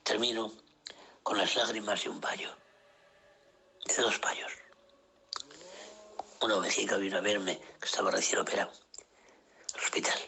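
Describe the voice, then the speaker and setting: A man preaching an emotional sermon, sinking into hushed whispers and rising into high cries. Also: steady tone, moderate pace, gravelly, long pauses. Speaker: pastor.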